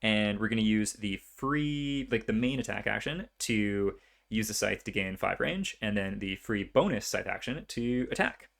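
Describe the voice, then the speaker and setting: A man's voice: fairly low pitch, animated, normal speed, vocal fry, fairly bright tone. A young man casually narrating his own turns in a solo tabletop board game, thinking aloud and counting dice as he goes.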